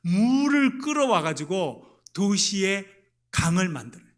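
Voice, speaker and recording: A middle-aged man with a notably high-pitched voice, preaching a sermon to his congregation. He tosses rhetorical questions to the listeners and answers them himself. Now and then he slips into playful, lively voices to act out the exchanges in the story. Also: a little slow. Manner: acts out lively dialogue voices in the retelling. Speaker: pastor. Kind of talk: sermon at a Wednesday prayer meeting.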